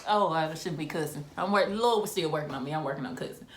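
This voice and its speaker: A young woman vlogger telling a personal story in casual chat, candid and animated, with asides and laughs, recorded on a phone. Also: sits low, fast, slight background noise. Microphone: phone camera. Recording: roomy echo.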